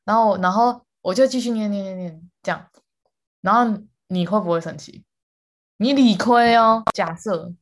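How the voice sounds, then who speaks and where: A woman co-hosting a casual chat podcast, animated and quick to repeat words for emphasis, laughing often. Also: mid-range voice. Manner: calls herself quick to anger. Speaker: podcast co-host.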